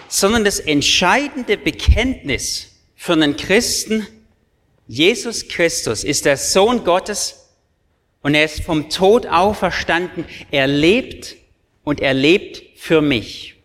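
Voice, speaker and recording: A male pastor gives an earnest sermon, addressing his listeners directly with emphatic questions. His voice sits somewhat high for a man, and he speaks slowly and deliberately. The church hall lends a long, trailing reverb. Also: animated, a bit bright. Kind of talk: sermon to confirmands.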